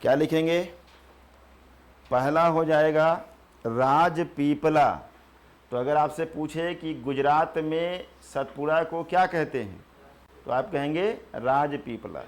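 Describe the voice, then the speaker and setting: A man teaching a geography class, repeating terms slowly for notes and answering his own questions. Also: fairly high pitch. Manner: repeats key terms slowly for students to write.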